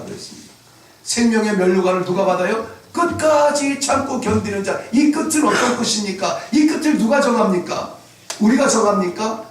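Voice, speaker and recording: A male pastor giving a Sunday sermon, emphatic and rising to shouts at key points. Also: very high-pitched, distant mic. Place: church sanctuary. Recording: very echoey church hall, voice from afar.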